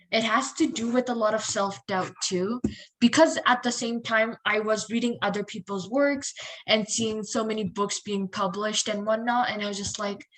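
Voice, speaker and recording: A woman's voice: medium pitch, fairly bright tone, rough recording. A young woman chatting on a podcast as a guest, casual and playful with dry sarcastic humor.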